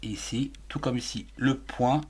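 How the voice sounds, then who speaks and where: A man's voice: mid-range voice, fairly even intonation, measured pace, a little mellow, slightly rough. A man teaching a French grammar lesson for young pupils, spelling words out letter by letter.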